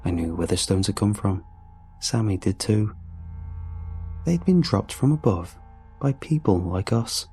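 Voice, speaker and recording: A man reading a scripted horror story aloud in a slow, hushed and deliberate manner. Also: on the low side, lively intonation, breathy edge, soft background music. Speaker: narrator.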